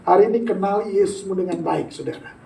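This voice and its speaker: A man's voice: high voice, fairly quick, creaky, mellow. A man preaching a sermon as pastor, joking and bantering with the congregation and slipping into casual slang. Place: church sanctuary. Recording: echoey church hall, heard from a distance.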